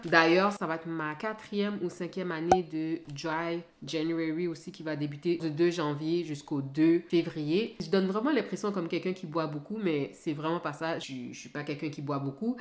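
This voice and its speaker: A woman's voice: low-pitched, echoey room. A woman with a Quebec French accent, chatting casually to camera at home in a vlog and slipping English phrases into her talk. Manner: chatty, mixes in English phrases, frequent fillers. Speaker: vlogger. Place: home, indoors.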